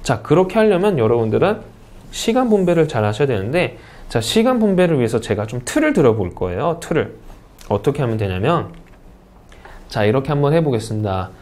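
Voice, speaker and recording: Korean man giving a lively lecture. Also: mid-range voice, brisk. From South Korea. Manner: lively teacher, asks the class questions and answers them. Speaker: English speaking test instructor. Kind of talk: online lecture.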